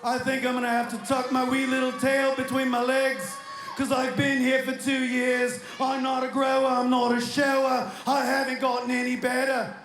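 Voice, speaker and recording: Guy putting on a loud fake scottish tough guy, way high pitched, boomy arena with music blaring. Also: monotone, normal speed, reverberant, rough recording. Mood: mocking. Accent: put-on Scottish. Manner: shouted, mocking ring promo. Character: fake Scottish brawler, mocking, boastful man. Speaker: wrestler on the ring mic. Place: wrestling arena.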